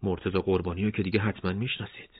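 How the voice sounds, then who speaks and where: A calm army major who persuades rather than commands, as a man narrating puts him on. The voice is low and husky. The recording is dull and lo-fi. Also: dry recording. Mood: persuasive.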